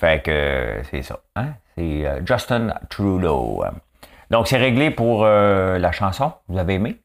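Speaking a little slowly, this man has a low, expressive voice with a nasal quality and a Quebec French accent. He hosts a show with a casual, humorous monologue, chatty and constantly tacking on "hein".

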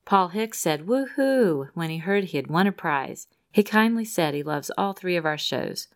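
A woman's voice: on the low side, moderate pace. A woman co-hosting a podcast, reading listener mail with upbeat emphasis on the quotes. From Rhode Island, USA. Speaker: podcast co-host.

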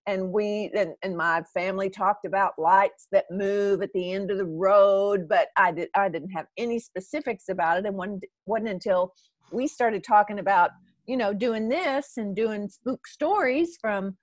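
A woman chats casually as a co-host. Her voice sits at an ordinary pitch and is recorded dry, with very little room around it. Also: normal speed, no room sound. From Northwest Arkansas, USA. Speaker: podcast co-host. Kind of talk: casual group chat.

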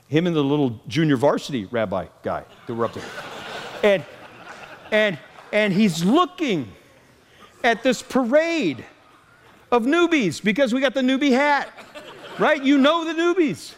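A man telling a humorous story in a sermon, animated and jokey, acting out the voices of people he quotes. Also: high-pitched, measured pace, pauses often, long reverb tail. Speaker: preacher.

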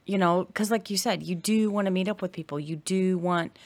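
A woman with a low, deep voice talks in a relaxed, casual chat. She sounds tired and tells stories at length, with plenty of fillers and restarts. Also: fairly quick. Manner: chatty, storytelling, many fillers. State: tired from little sleep.

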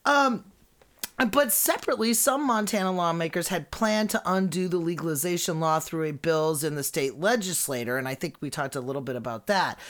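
A woman co-hosting a podcast in casual chat, laughing often and swearing freely. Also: sits low. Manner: giggly, animated, swears freely. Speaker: podcast co-host.

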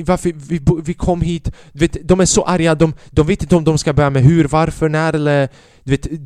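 A young man hosting his own podcast, telling a comedy club story in a profane, animated way and acting out other people's voices. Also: mid-range voice, dry recording, studio quality. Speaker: podcast host and stand-up comedian.

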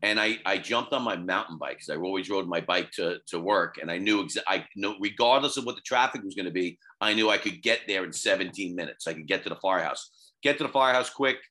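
Bright, forceful low-pitched man. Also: fast talker. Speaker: firefighter interviewee. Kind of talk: first-person interview storytelling.

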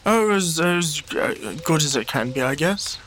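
A man with a slightly high voice playing a tabletop game. He talks hesitantly with many fillers and restarts, and faint noise sits behind him. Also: expressive, normal speed, a bit bright. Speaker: player. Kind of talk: tabletop role-play chat.

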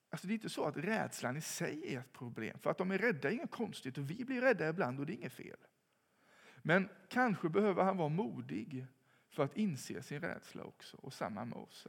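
Guy preaching a sermon, slow and thoughtful, bit of fry in his voice, lots of hall echo. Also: on the high side. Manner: calm, reflective preaching with pauses and rising emphasis. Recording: long hall reverb.

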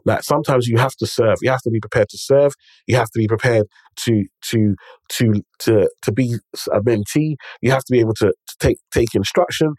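You hear a fairly quick man with a mid-range, slightly mellow voice and no room sound around him. His speech is urban London roadman, rich in multicultural slang, as he emphatically tells stories and gives motivational advice in a conversational way, repeating phrases and checking in with listeners.

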